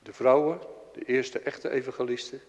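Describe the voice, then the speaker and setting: A man preaching a sermon, telling a story with acted-out dialogue and dropping from loud to hushed. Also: medium pitch, fairly even intonation, moderate pace, highs cut off. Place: church. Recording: long reverb of a large hall.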